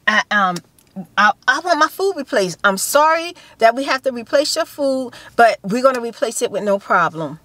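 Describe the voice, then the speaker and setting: A woman's voice: on the high side, normal speed, slight background noise. A woman, telling a story to camera in a casual chat from inside a parked car, gesturing a lot and repeating herself for emphasis. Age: 50s. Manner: animated storytelling with hand gestures and repeated phrases. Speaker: vlogger. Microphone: phone camera held close.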